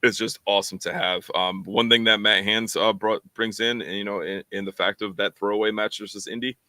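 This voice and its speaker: A man's voice: fairly low pitch, fairly even intonation, brisk, sharp tone, dry recording. A man co-hosting a fan podcast, chatting casually and rambling with lots of fillers and repeated words. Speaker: podcast co-host.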